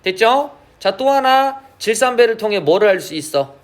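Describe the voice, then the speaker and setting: Lively high-voiced male teacher. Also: moderate pace. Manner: asks frequent check questions, drawls key terms. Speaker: Korean literature teacher. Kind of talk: classroom lecture.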